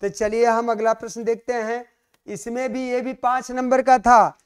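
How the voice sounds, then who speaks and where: A male Hindi teacher giving an exam-prep lesson on poetry, calling his students dear children and asking them questions that he answers himself. He reads the verse lines slowly, stressing each word. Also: very high voice, level tone, clear, resonant tone.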